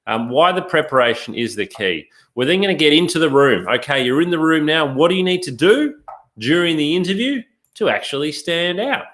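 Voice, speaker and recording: A man's voice: on the high side, expressive, brisk, fairly bright tone. A middle-aged man, a career coach, presenting a live online workshop, upbeat and emphatic, putting rhetorical questions straight to his viewers.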